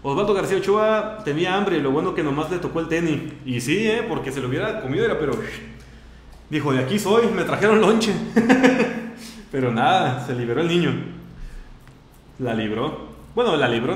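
A man's voice: on the high side, roomy sound. A man hosting a radio show in a casual, joking way, with a Mexican Spanish accent and chatty asides. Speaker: radio host. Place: radio studio.

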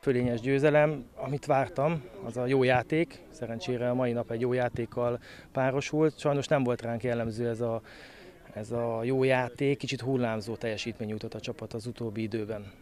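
A man's voice: mid-range voice, steady tone, darkish tone. Male youth coach interviewed outdoors. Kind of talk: post-match interview. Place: outdoors beside a pitch. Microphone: handheld interview microphone.

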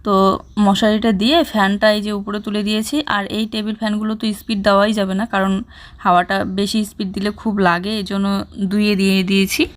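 A young woman narrating a casual home vlog, speaking softly and chatting as she explains her chores. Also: mid-range voice, fairly even intonation, brisk. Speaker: village vlogger and mother.

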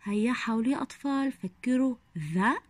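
A young woman teaches a phonics lesson to small children, stretching each sound out slowly and whispering her praise. Her voice sits fairly high. The recording is dry and close, with no room echo. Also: lively intonation. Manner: drawn-out syllables, soft whispered praise. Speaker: primary school teacher.

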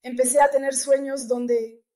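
High, flat-voiced woman giving testimony. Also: moderate pace. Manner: earnest, repeats key phrases. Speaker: church testimony giver. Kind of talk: personal religious testimony.

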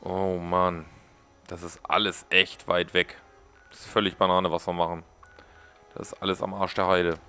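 A man's voice: low voice, level tone, moderate pace, bright, forceful tone, smooth, soft background music. A man giving casual gameplay commentary as a let's play host, joking and mocking the characters on screen.

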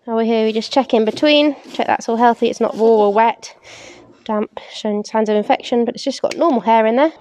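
An English livestock keeper, a young woman with a fairly high and slightly mellow voice, talks through her chores in a practical, unhurried way, often saying "um" as she works with her hands. It's a casual farm demonstration filmed by a camera a few metres away, outdoors in a paddock and inside a large open barn. There's a little hiss or hum on the audio.

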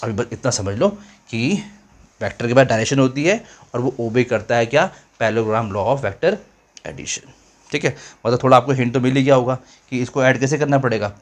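A man's voice: medium pitch, normal speed. A man teaching a basic physics lesson in a casual, chatty way, repeating points often and mixing English phrases into Hindi. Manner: chatty, repeats himself, mixes English phrases, calls viewers children.

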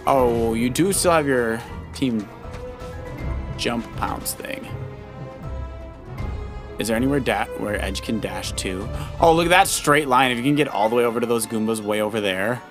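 At a moderate pace with frequent pauses, a medium-pitched man, the dad co-hosting a family Let's Play, gives relaxed, supportive gameplay tips. Video game music sits behind his voice as he explains moves.

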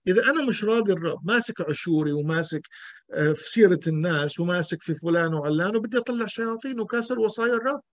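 A man's voice: high voice, expressive, very fast, no echo. A male pastor, teaching an emphatic sermon full of rhetorical questions and repetition.

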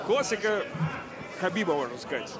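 A man's voice: sits high, sing-song, moderate pace. A man giving live sports commentary as the lead commentator on a fight. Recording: loud crowd and music behind. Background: noisy arena crowd and music.

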